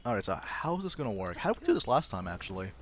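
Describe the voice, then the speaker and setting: A man's voice: medium pitch, sing-song, rapid-fire, a little hiss or hum. A man streaming himself playing a game live, chatting playfully with his viewers and joking at his own expense. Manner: laughs often. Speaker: gaming livestreamer. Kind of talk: casual live gameplay commentary.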